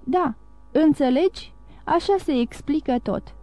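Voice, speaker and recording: A woman's voice: high voice, dark tone, no echo, voice pushed up, natural voice. A woman reading the part of a young man, a cunning, boastful schemer, in an audiobook. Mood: confiding.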